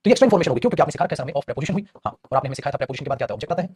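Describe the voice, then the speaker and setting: A middle-aged man teaching English grammar in a live online class, talking rapidly, repeating himself and answering his own questions while calling students "beta". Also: a little high, lively intonation, a little mellow.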